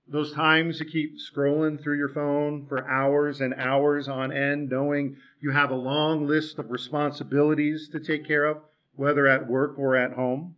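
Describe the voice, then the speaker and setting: A man's voice: fairly high pitch, lo-fi sound. A man preaching a sermon in a church, talking in a conversational way and putting rhetorical questions to the congregation.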